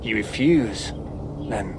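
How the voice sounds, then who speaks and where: An actor playing a pious, dignified Saxon king in a video game, courteous and shrewd, with formal, deliberate speech. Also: lowish voice, animated, noisy background. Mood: grave, courteous. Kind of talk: dramatic video game acting.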